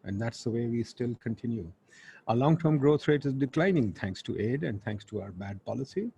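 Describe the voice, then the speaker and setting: This webinar host and moderator, a man with a Pakistani accent, opens the online session casually and bluntly, with occasional Urdu asides. His medium-pitched voice is warm, with lively intonation and some vocal fry, at normal speed, over a slight hiss or hum.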